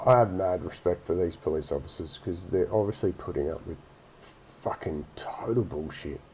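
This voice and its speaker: A man's voice: low voice, normal speed, a little mellow, a little hiss or hum. A man giving blunt, profane, indignant commentary while reacting to police footage. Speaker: video reaction host.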